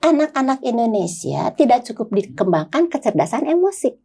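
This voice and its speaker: A woman's voice: on the high side, sing-song, fairly quick, vocal fry, dark tone, breathy edge. An older woman who works as a psychologist, talking in a podcast conversation and telling stories animatedly, acting out her clients' voices.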